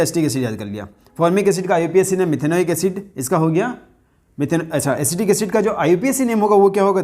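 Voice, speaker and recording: A male teacher with a slightly higher voice gives a chemistry lesson. He keeps asking his students questions and repeats the key terms slowly, with faint writing sounds behind him. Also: darkish tone.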